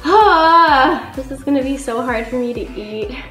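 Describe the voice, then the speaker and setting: A woman's voice: sits high, expressive, measured pace, bright, forceful tone. A young woman hosting a casual challenge vlog, squealing and giggling in disgust. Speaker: vlog host. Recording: echoey room with music behind.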